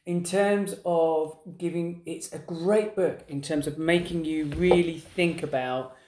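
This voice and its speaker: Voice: medium pitch, fairly even intonation, measured pace, darkish tone, reverberant. An English speaker co-hosting a casual chat, thinking aloud and often restarting sentences. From England. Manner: reflective, restarts sentences, exclaims in surprise. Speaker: podcast co-host.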